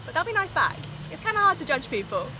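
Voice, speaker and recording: A woman's voice: high voice, big pitch swings, quick pace. A young woman chatting thoughtfully in an outdoor interview. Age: young adult. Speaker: cheerleader. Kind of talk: casual interview. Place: outdoors by railroad tracks. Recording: outdoor background noise.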